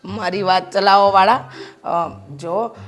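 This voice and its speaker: A woman's voice: mid-range voice, steady tone, takes it slowly, faint music behind, lightly acted. A woman as a kind, persuasive middle-aged mother. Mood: persuading. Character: kind-hearted mother, lecturing her grown son. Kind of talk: short film drama acting.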